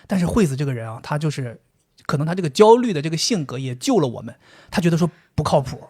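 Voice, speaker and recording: Husky guy on a podcast, fast and bouncy, laughs a lot while telling stories. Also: a little high. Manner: animated storytelling, laughs often. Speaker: podcast co-host. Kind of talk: casual podcast chat.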